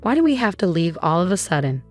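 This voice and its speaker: A woman's voice: lowish voice, very animated, quick pace, faint music behind. A woman narrator voicing a shocked, defensive younger sister in a scripted story, her voice disbelieving and protesting.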